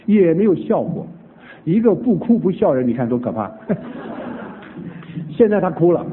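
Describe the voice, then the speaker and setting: A man preaching, telling a family conversion story with lively acted-out dialogue. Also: mid-range voice, slight background noise. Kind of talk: sermon testimony storytelling. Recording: tinny phone-like old recording.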